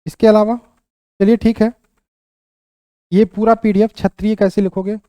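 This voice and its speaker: This young male teacher's voice is high but mellow, with little pitch movement and a normal speed. In his exam-prep lesson he says each word over and over as he writes it and checks in with students using "ठीक", in a dry recording with no room echo.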